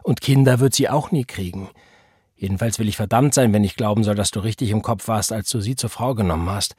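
A man's voice: fairly low pitch, brisk, darkish tone, breathy edge, dry recording, studio quality. A man reading the part of a bitter, defiant young pregnant woman who speaks in a cold, taunting, accusing way.

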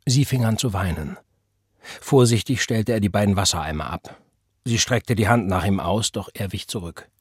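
Low husky male audiobook narrator. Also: no echo, clean studio sound. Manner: measured literary reading. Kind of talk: scripted narration.

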